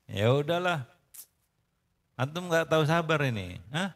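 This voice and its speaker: A man's voice: on the high side, lively intonation, unhurried. A man giving a casual sermon to a congregation, bantering, quizzing his listeners and laughing often. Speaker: preacher. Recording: long reverb of a hall.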